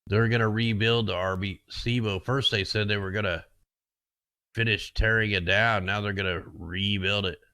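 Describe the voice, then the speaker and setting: Lowish and steady, his voice sounds pushed and bright, moving at a moderate pace with no echo. He's a host casually commenting over a screen share of weather maps, rambling in a conspiratorial tone while his voice grows worn and begins to go.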